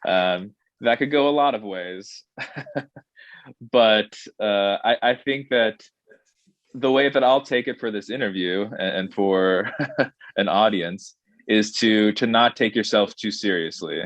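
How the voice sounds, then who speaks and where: Restaurant director, man, thirties, low and thoughtful, muffled dry sound. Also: a bit bright, no echo. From born in Saudi Arabia, grew up in Indonesia. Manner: thoughtful, measured, with frequent ums and restarts. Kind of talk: interview answers.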